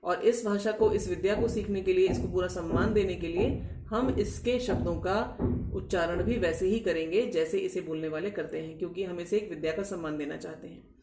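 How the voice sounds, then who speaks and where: A woman's voice: lowish voice, normal speed, warm tone, distant mic. A woman teaching English pronunciation in a video lecture, explaining patiently and asking back key words before repeating them. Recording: echoey room, voice off-mic.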